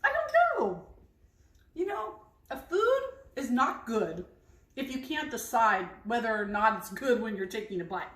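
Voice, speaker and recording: A woman's voice: on the high side, sing-song, unhurried, a bit bright. A woman taste-testing recipes in a casual kitchen vlog, chatty and frank with hesitant asides. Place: home kitchen. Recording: echoey kitchen, clinking dishes.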